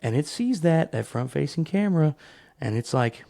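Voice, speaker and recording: The recording is dry and studio quality, capturing a man's creaky voice at normal speed. He hosts his own podcast alone, rambling through profane comic rants and lively stories, with leaps into higher voices whenever he quotes someone.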